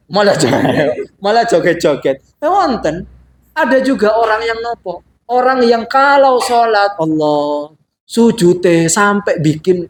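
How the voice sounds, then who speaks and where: A man with a Javanese accent preaching in a study hall, moving between chanted Arabic lines and lively storytelling. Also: sits high. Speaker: religious teacher. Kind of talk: sermon. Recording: echoey room, faint ambient noise.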